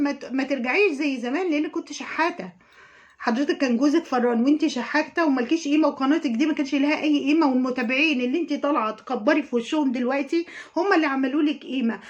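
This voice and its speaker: امرأة بلهجة مصرية تعلّق بسخرية وتوبّخ بحدّة في فيديو تعليق. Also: female voice, sits high, highs cut off. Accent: Egyptian. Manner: mocking, scolding, indignant. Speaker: YouTube commentator. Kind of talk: sarcastic reaction commentary.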